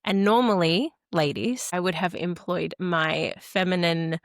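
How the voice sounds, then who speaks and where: A woman's voice: on the low side, a little slow, no echo, clean studio sound. A woman hosting a podcast, talking in an upbeat, chatty way. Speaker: podcast host. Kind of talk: casual chat.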